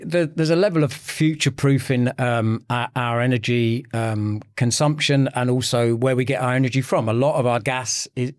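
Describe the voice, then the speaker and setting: A man, a heating sales manager, explaining things as an interview guest with frequent pauses and restarts. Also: mid-range voice, darkish tone, no room sound, clean studio sound. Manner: hesitant, many ums and restarts, explanatory.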